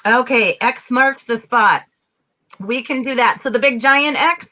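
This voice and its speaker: Bright, high-pitched woman hosting. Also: measured pace. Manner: encouraging, upbeat. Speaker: event host. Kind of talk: casual live event hosting.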